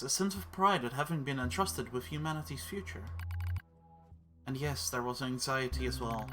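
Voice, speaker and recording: A man streaming a game who reads its story text aloud in a steady, measured way. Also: mid-range voice.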